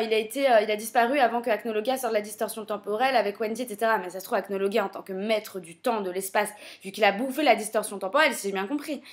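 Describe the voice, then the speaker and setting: A woman reviewing a manga chapter in casual commentary, thinking aloud with lots of fillers and self-corrections, and making playful teasing asides. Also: a little high.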